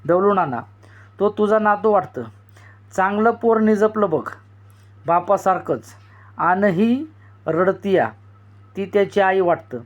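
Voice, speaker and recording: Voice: mid-range voice, takes it slowly, pauses often, lightly acted. A storyteller voicing a jovial man on horseback who teases the villagers with banter. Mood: teasing. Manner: teasing banter. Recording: dull lo-fi recording.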